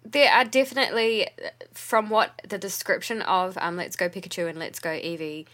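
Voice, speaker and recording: A woman co-hosting a podcast in casual chat, sounding tired and speaking in a measured, agreeable way. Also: mid-range voice, fairly even intonation, a bit bright. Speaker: podcast co-host, museum and university worker.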